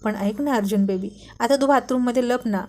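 A woman's voice: on the high side, fairly quick, dark tone, lightly acted. A woman playing a flustered, scolding young wife. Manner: scolding, panicky, pleading.

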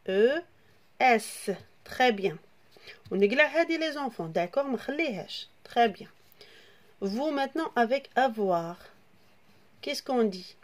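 A woman teaching a French grammar lesson to young children, spelling words out letter by letter and asking the class questions. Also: medium pitch. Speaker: primary school French teacher.

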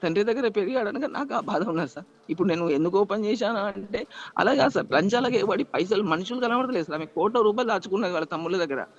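A man's voice: high-pitched, lively intonation, very fast, dull audio. A man, pleading emotionally in a news interview and repeatedly appealing to the interviewer. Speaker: interviewee, estranged husband.

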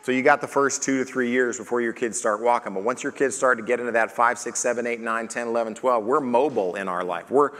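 A man preaching as pastor at a parenting conference, talking lively and acting out the questions he asks his children. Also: mid-range voice, fast, few pauses, long reverb tail. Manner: animated, acts out questions to his kids.

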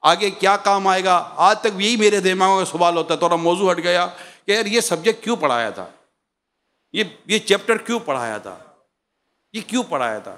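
A man's voice: high voice, moderate pace, a bit bright. A middle-aged man giving a sermon, exhorting his listeners with long chains of repeated phrases. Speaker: preacher.

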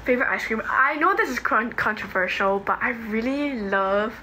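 A young Singaporean woman with a fairly high, bright and forceful voice speaks at normal speed with lively intonation. Hosting a livestream from her bedroom, she reads and answers comments casually and offhandedly, recorded on a phone at arm's length amid room noise.

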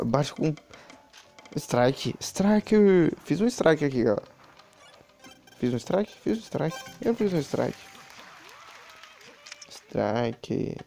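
Guy chatting over a phone game, gravelly low-toned voice, dark sound. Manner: chatty, many fillers and asides to the viewers. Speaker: mobile game channel host. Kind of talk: casual gameplay commentary.

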